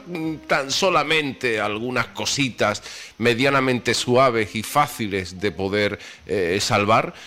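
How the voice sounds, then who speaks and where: Low-voiced man hosting, faint music behind. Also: a bit bright. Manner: thoughtful, searching for words. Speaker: radio host. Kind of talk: interview questions.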